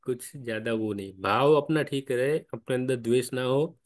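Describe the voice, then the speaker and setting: A man's voice: mid-range voice, moderate pace. Patient man guiding an online discussion. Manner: patient, questioning, explains step by step. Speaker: study group guide. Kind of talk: spiritual discussion. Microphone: online call.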